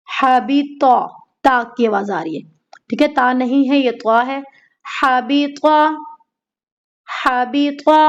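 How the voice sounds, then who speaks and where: A woman teaching an online recitation lesson, drawing out each word slowly and repeating it for her students. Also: high voice, highs cut off.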